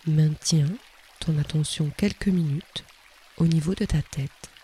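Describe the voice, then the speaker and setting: A man calmly guiding a relaxation exercise in a soft, breathy voice, leaving long pauses between short instructions. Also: a little high, slight background noise. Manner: calm, soothing, unhurried delivery with long pauses. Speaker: relaxation guide. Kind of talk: guided relaxation, scripted narration.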